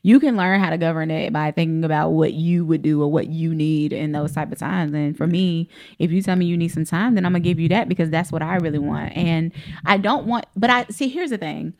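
A woman co-hosting a relationship podcast, with a low, gravelly voice. She talks in an easygoing, rambling way, full of likes and restarts. Her speech. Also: fairly quick, darkish tone. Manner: loose and conversational, many fillers and restarts. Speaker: podcast co-host. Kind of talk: casual relationship talk.

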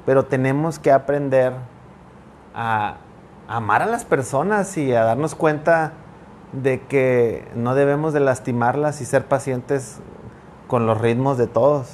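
A man's voice: medium pitch, slight background noise. A man talking earnestly in a reflective conversation, often restarting his sentences as he searches for words. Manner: earnest, halting with frequent restarts.

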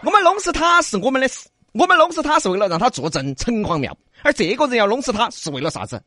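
A man voicing a small, bossy but soft-hearted male ghost who scolds shrilly in a Sichuanese accent. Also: extremely high pitch, very animated, fast, dry recording, studio quality, voice pushed up, full character voice. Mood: scolding.

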